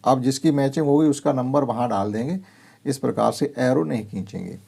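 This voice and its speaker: Gravelly, dark-voiced teacher. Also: male voice, mid-range voice. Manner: explains English words in Hindi, slow deliberate reading of English sentences. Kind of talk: workbook lesson explanation.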